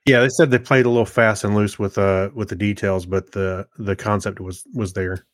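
In a dry, studio-quality recording, a middle-aged podcast co-host rambles hesitantly through a casual conversation about movies. He has a fairly low pitch and a steady tone, speaking at normal speed.

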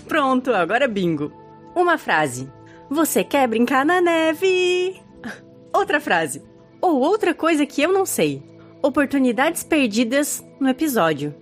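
A woman's voice: high-pitched, sing-song, measured pace, faint music behind. A woman with a Brazilian Portuguese accent co-hosting a podcast, playfully reading out listener comments. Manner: playful, laughs often. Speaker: podcast co-host.

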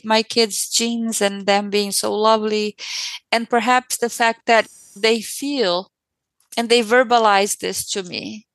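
A woman's voice: mid-range voice, no room sound, low-quality recording. A woman parent speaking earnestly in an interview and repeating phrases for emphasis. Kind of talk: conversational interview.

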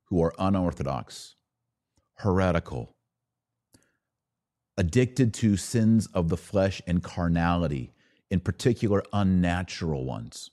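An American man delivers opinionated solo podcast commentary in a low voice, sounding sarcastic and emphatic and repeating phrases for effect. The studio sound is clean, with no echo.

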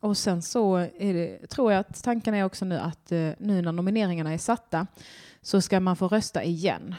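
A woman's voice: lowish voice, dark tone. A young woman comedian hosting a live-streamed podcast, chatting casually and rambling as she reads the chat aloud.

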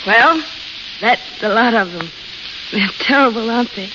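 Playing a restless, frank young waitress in the desert who dreams and paints as an amateur, a young adult actress voices her in old-time 1930s-40s radio drama fashion. She sounds eager, wistful, and plain-spoken, with a fairly high, animated voice at a slightly slow pace. The old radio recording is muffled, with hiss and crackle.

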